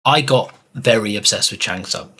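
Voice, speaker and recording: A man's voice: fairly low pitch, normal speed, sharp tone, breathy edge. A man from the UK co-hosting a casual reaction video, thoughtful and wry, often hedging his opinions. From United Kingdom. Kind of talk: casual chat.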